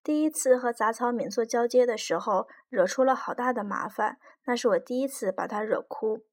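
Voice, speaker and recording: A woman reading an audiobook in a lively, wry storytelling manner. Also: a little high, normal speed. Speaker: audiobook reader. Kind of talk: scripted audiobook narration.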